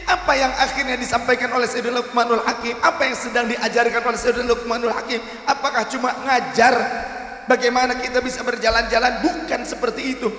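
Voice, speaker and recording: A man's voice: very high voice, flat delivery, quick pace, pushed and bright. A male preacher telling a story in a sermon, asking rhetorical questions as he goes, in an echoey hall.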